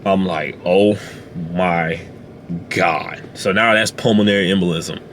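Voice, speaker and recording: A man sharing a personal testimony in a car, speaking haltingly with many fillers and restarts. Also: deep voice, steady tone, a bit bright, slight background noise. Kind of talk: emotional personal storytelling. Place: inside a parked car.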